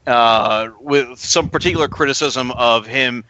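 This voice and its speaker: A man co-hosting a casual podcast chat, talking in halting bursts full of stammers and restarts. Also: medium pitch, pushed and bright, highs cut off, a little hiss or hum. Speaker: podcast co-host.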